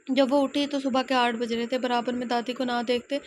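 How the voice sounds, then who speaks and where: A woman's voice: fairly high pitch, level tone, fairly quick, a little hiss or hum. A woman narrating a romance novel as an audiobook. She reads plainly and drops in casual personal asides. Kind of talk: reading a romance novel aloud.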